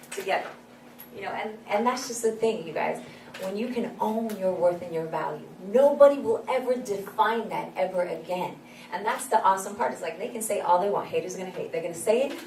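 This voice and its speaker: A woman's voice: mid-range voice, distant mic. Earnest woman speaking in an echoey hall. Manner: earnest, repetitive, faith-filled encouragement. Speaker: speaker at a youth leadership forum. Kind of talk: motivational faith talk. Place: event hall. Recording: echoey hall, mic from afar, background noise.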